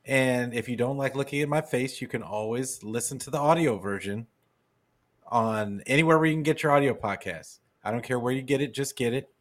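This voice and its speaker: A man co-hosting a sports podcast in a relaxed way, working through his thoughts and plugging his own show. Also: mid-range voice, brisk. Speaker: podcast co-host. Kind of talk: casual podcast banter.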